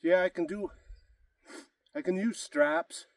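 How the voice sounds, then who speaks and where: A man's voice: high-pitched, slow pace, no echo, far from the mic. A middle-aged man talking casually to camera between gym sets, rambling and out of breath. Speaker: fitness vlogger. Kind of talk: casual talk to camera while working out. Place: remote gym off the grid.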